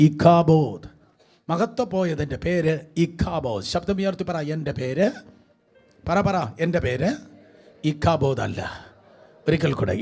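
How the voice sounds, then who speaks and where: A man's voice: on the high side, a little mellow. A man preaching a sermon to a congregation, calling for responses and mixing in English words. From India.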